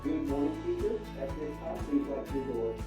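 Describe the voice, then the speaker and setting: A woman's voice: very deep voice, moderate pace, loud music behind the voice. A woman making a formal school announcement, heard over a PA system from a distance. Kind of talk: public announcement.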